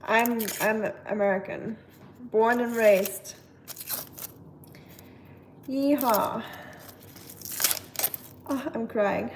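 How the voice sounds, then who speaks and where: A young adult German-accented woman with a fairly high, raised voice chats slowly and easygoingly on a cooking live stream in her home kitchen. She's chatty and dryly sarcastic, answering viewer comments while loud knife chopping sounds behind her.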